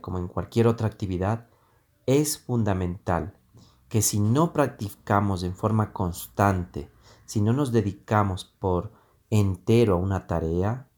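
A man teaching a lesson on public speaking, explaining voice exercises deliberately with frequent pauses and fillers. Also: fairly low pitch, a little mellow. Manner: slow, deliberate instruction with hesitant fillers; demonstrates vocal exercises with sustained vowels. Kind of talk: voice training lesson.

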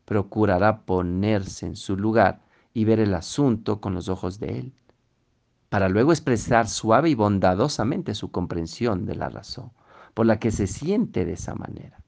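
A middle-aged man giving a calm audio talk on kind words in relationships, explaining and asking rhetorical questions. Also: on the low side, unhurried, gravelly. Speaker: relationship teacher.

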